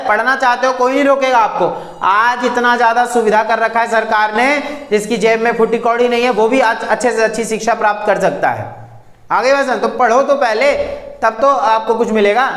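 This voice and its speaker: A man's voice: sits high, fairly bright tone. A male teacher explaining a textbook lesson. He reads lines from the book, restates them in plain words and gives students firm, direct advice. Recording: echoey room.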